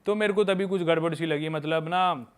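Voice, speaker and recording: Smooth-voiced young man telling travel tales. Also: a little high, normal speed. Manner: lively, frank, addresses listener as brother. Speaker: podcast guest, travel video maker. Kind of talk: casual storytelling chat.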